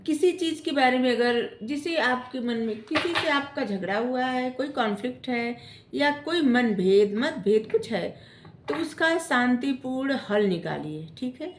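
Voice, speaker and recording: A woman tarot reader giving gentle spiritual advice, often checking in with "theek hai?" as she talks. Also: high-pitched, animated, normal speed, echoey room. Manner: gentle coaching tone, ends phrases with "theek hai?". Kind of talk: casual spiritual advice talk.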